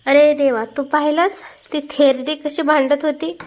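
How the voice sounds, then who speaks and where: A woman reading a story aloud and voicing a calm, firm, kind young woman. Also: sits high, moderate pace, natural voice. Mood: angry. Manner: calm, then sharp.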